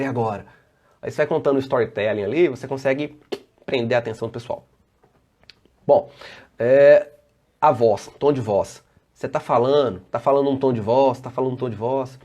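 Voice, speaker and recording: A man's voice: medium pitch, a little mellow. Brazilian man giving a casual live talk. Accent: Brazilian Portuguese. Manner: casual and conversational, often answers viewer comments. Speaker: safety engineer and trainer. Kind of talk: live online presentation.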